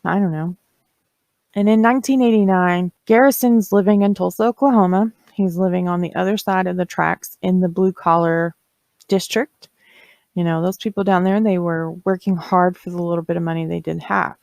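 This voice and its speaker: A woman tells a true crime story in a casual, conversational way, breaking off now and then to give blunt opinions of her own. Her voice sits low and carries a gravelly fry, recorded close and dry with no room sound. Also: steady tone, normal speed, a little mellow, no echo. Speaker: true crime podcast host.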